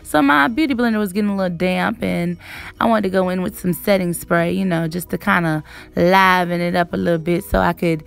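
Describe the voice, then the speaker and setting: Creaky, smooth-voiced young woman, chatty. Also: on the low side, fairly quick, soft background music. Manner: chatty, emphatic word repetition. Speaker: beauty vlogger. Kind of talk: casual makeup tutorial narration.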